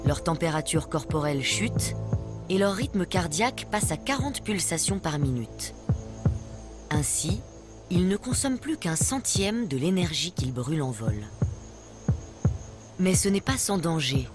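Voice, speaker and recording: A woman narrates a nature documentary over clearly audible music. Her voice sits a little low and moves with a very animated melody, while she explains things in measured, scripted storytelling.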